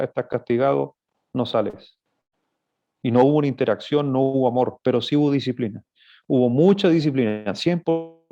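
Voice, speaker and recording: A man's voice: medium pitch, a little mellow. A man giving a sermon-style talk to parents, earnest and explanatory, often asking rhetorical questions, in a dull lo-fi recording.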